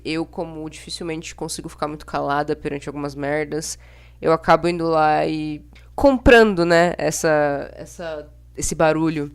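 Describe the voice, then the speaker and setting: Casting: young Brazilian woman, low-pitched voice, blunt and exasperated vlogger with casual slangy delivery. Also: clear, resonant tone. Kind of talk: casual opinionated monologue to camera.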